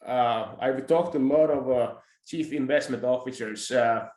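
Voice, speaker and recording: A man, hosting a discussion and calmly pushing back on his guest's view. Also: medium pitch. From Finland. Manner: measured, pushes back politely. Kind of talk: conversational discussion. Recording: roomy echoing audio.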